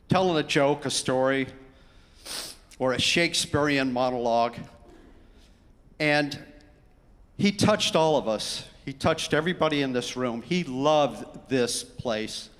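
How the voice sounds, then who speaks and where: A man giving a eulogy for his brother, telling the story in a lively way and acting out what people said. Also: mid-range voice, unhurried. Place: large hall at a memorial gathering. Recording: long hall reverb.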